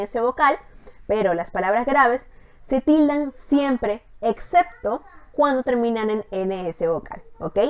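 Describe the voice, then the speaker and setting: A woman teacher explaining spelling rules step by step in an online lesson, often pausing to check with a quick "ok?". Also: on the high side.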